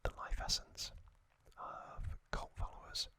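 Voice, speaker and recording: Speaking in a soft whisper, the host of an ASMR trivia channel walks through a casual explanation at a slow, easy pace.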